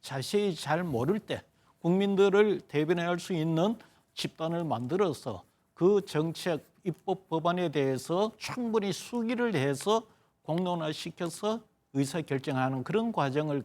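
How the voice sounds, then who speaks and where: A man's voice: on the high side, expressive, moderate pace, darkish tone. A man speaking as a pollster on a television current-affairs panel, explaining survey figures in long, analytical turns.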